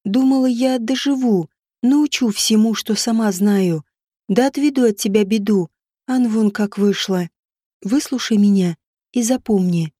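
Woman voicing a dying witch mother, low and breathy. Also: dark tone, dry recording, studio quality. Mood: tender, fading. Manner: low, muffled, breathy and slow. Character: dying noblewoman, a witch mother, stern yet tender.

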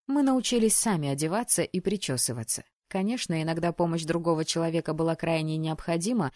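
A woman reading a first-person novel aloud in an expressive, measured way. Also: deep voice, dry recording, clean studio sound. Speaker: audiobook reader.

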